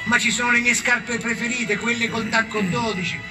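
Man in falsetto as a spoiled demanding young woman, whiny and high. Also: steady tone, moderate pace, over music.

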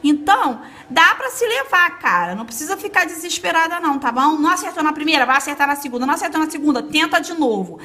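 Speaking fast with hardly any pauses, a Brazilian woman with a high, expressive voice and a bright, forceful tone leads a hands-on nail tutorial at a salon table, faint music behind her. She's a nail technician instructor recording on a phone camera, chatty and reassuring toward the girls and friends she addresses.

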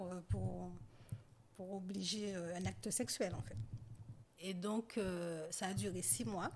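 Soft-spoken woman on a podcast, lots of pauses and ums, talks her way through it slowly. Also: mid-range voice, a little hiss or hum. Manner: halting, hesitant, many pauses and fillers. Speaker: podcast guest. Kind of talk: personal testimony in conversation.

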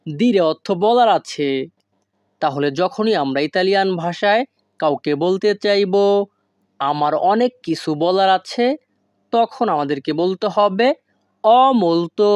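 A Bengali-speaking language teacher giving a slow, careful lesson, breaking each foreign phrase into single words. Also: medium pitch, darkish tone, no echo, studio quality. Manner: slow and deliberate, spells out foreign words piece by piece. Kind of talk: instructional lesson.

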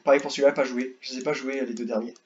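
Rambling young French gamer, lo-fi mic. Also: male voice, mid-range voice, very fast. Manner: rambling, repeats words, excitable bursts. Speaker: gaming youtuber. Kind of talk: casual tier-list commentary.

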